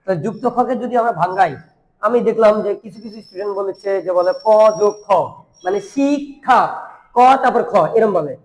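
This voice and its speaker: A young man with a high voice teaches a grammar lesson. He keeps asking his class questions, answers them himself and says each word slowly again. The room around him sounds echoey. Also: darkish tone. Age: young adult.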